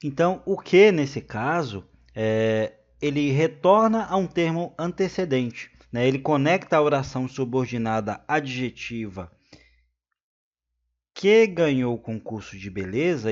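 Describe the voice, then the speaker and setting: Brazilian man teaching grammar, repetitive. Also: medium pitch. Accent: Brazilian Portuguese. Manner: repeats points, frequent "né?" checks with viewers. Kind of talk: exam-prep grammar lesson. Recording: slightly dull lo-fi sound.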